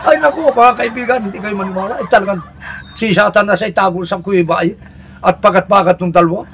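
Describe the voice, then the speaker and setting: A Filipino man telling a comic story, acting out drunk friends in loud high-pitched shouts. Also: flat delivery, fast, creaky, background noise. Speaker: joke teller.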